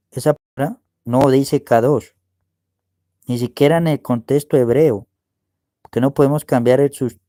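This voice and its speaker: With a dark, mid-range voice on a dry, clean studio recording, a man preaches and teaches Bible words to listeners via a screen share. He goes slowly, explains as he goes, and frequently asks "¿ve?" to check whether they can see.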